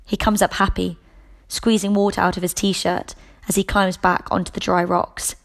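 A woman reading a novel aloud in the first person, in a steady, measured way. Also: medium pitch, creaky. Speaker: audiobook reader.

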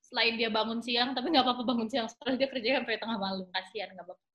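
A woman from Indonesia chatting casually as a podcast guest, animated and quick to laugh, dropping in English words. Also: a little high, lo-fi sound. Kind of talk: casual chat.

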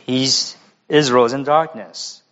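A man's voice: mid-range voice, steady tone, takes it slowly, a bit bright, muffled recording. A man from America with an American accent, preaching an expository sermon with conversational asides. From United States. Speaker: pastor.

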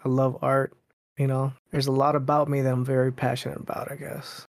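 A man's voice: medium pitch, monotone, fairly quick, no room sound, studio quality. A man in his late twenties, a podcast guest, telling a dating story casually, rambling with lots of fillers and laughs. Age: late 20s.

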